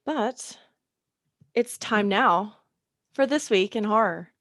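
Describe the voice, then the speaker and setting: A woman's voice: medium pitch, takes it slowly, fairly bright tone, dry recording, studio quality. A young woman co-hosting a podcast in casual chat, rambling and giggly. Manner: chatty, giggly, rambling asides. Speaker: podcast co-host.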